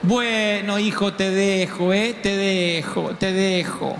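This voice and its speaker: A preacher voicing his frail, confused elderly mother, with high wavering questions. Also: steady tone, slow, fairly bright tone, full character voice. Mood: tender. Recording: long hall reverb, faint music.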